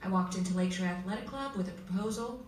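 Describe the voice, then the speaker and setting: A woman panelist telling a heartfelt personal story with many pauses, recorded in a school hall. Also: medium pitch, darkish tone. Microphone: table mic heard from far camera. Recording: echoey hall from far off, faint noise.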